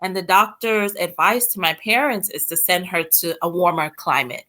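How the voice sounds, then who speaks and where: A woman's voice: fairly low pitch, normal speed, pushed and bright. A woman from England raised in Guyana and Brooklyn, a guest author telling her family story in an interview, laughing often as she talks. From born in England, raised in Guyana and Brooklyn.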